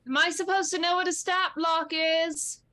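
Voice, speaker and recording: Woman playing a bright-voiced, blunt barbarian adventurer. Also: very high-pitched, steady tone, normal speed, no room sound, voice pushed up. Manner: blunt, goading. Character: blunt, naive, pushy female barbarian adventurer.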